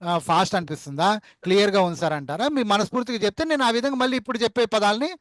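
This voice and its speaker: A male teacher giving an online class lesson, repeating syllables slowly to drill spelling and fondly calling his students amma and nanna. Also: high-pitched, a bit bright, no room sound. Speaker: spoken English teacher.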